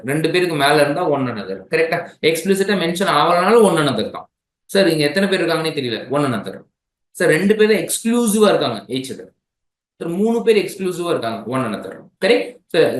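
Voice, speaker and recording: Tamil-accented man teaching grammar in an echoey room. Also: fairly high pitch. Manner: mixes languages, checks in with "right?". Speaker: exam prep teacher. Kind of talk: classroom grammar lesson.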